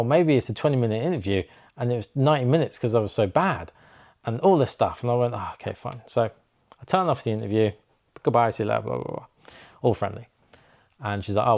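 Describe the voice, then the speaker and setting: A man's voice: fairly low pitch, vocal fry. A young man, a snowboard instructor, casually telling a story to camera and acting out the dialogue. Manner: chatty, animated, acts out quoted dialogue.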